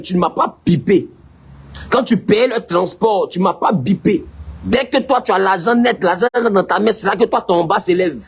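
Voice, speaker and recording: A male pastor with an Ivorian French accent, preaching a lively sermon and teasingly scolding his listeners. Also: sits high, vocal fry, breathy edge.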